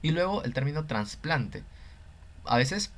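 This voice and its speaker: A man's voice: on the high side, very animated, measured pace. Hesitant Peruvian Spanish man lecturing. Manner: hesitant, frequent fillers and self-corrections. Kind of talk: recorded lecture on scientific writing.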